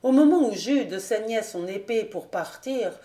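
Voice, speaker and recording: A woman narrating an audiobook in a slow, measured, deliberate reading. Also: mid-range voice, expressive, warm tone. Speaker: audiobook reader. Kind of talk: scripted narration. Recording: roomy echo.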